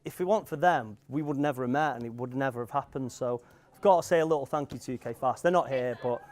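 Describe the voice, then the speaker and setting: A man's voice: medium pitch, fast talker, a little mellow. A young man with a Manx accent giving an informal wedding speech as the groom, in a joking, rambling, hesitant manner. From Isle of Man. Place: wedding venue. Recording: live event room with guests audible. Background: wedding crowd.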